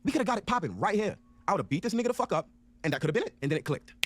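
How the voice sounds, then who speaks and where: Man, rapid-fire, higher-pitched, animated, profane, storytelling rant. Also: a little hiss or hum. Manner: animated, profane, acts out both sides of an argument. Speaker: streamer telling a story.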